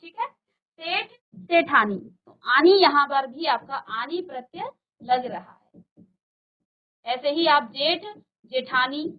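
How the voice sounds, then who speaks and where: Woman teacher, high voice, unhurried, patient drills of word pairs, slightly dull studio sound. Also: lively intonation. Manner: slow, patient, repeats word pairs and asks rhetorical questions. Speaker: Hindi teacher. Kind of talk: virtual classroom grammar lesson.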